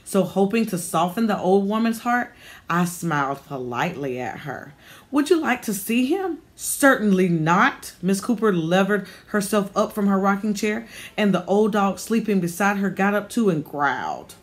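A woman reading an audiobook aloud, telling the story in a calm, even manner. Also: mid-range voice, normal speed. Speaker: audiobook reader. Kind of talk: audiobook narration.

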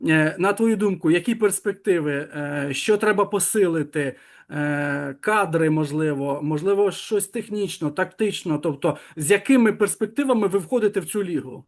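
Man, interviewer, casual and encouraging, high-pitched. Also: normal speed. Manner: encouraging, laughs often.

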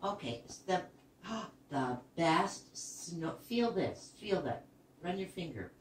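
Sweet older woman, slow and very expressive. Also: on the low side. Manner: sweet, playful baby-talk encouragement with gasps of wonder. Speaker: grandmother. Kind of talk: reading and counting with a toddler. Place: living room, indoors. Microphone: camera a few meters away. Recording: roomy, distant microphone, some background noise.

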